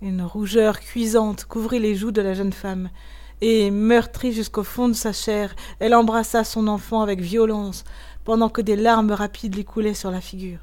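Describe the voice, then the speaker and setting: Woman narrator, audiobook reading, measured, expressive, middle pitch. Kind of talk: audiobook reading of a classic tale.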